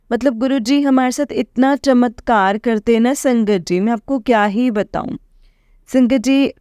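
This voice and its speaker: A woman's voice: on the high side, mellow, dry recording, studio quality. Earnest young woman with a lilt. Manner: earnest, emotional, often addresses listeners as "sangat ji". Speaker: devotee sharing satsang experiences. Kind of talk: personal devotional testimony.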